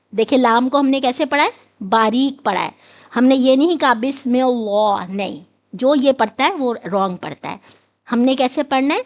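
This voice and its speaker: A woman with a fairly high voice teaches recitation in a steady, patient way. She stretches out each demonstrated sound slowly so learners can follow. She sounds middle-aged and calm in her instruction. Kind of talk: instructional lesson.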